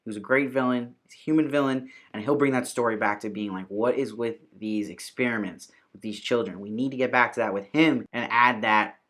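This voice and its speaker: A man's voice: medium pitch, fairly even intonation, brisk, few pauses, a bit bright. Guy doing a casual tv review, opinionated, lots of kinda and like, quotes people in little asides. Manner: opinionated, conversational, frequent fillers like "kinda" and "like"; mimics imagined viewers in quoted asides. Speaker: TV review host.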